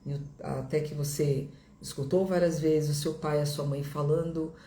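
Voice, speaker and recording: Low-voiced woman teaching, echoey room. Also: fairly even intonation, normal speed, mellow. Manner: conversational, repeats points with fillers like "né" and "tá". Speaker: English teacher. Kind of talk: explanatory video lesson.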